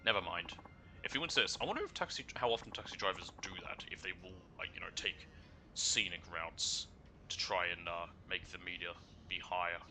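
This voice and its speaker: A man talks through a video game casually, thinking aloud in a muttering way. His voice sits on the low side but has a very bright, sharp edge. Faint game ambience sits behind him. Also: brisk, a little hiss or hum. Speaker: gamer doing a playthrough.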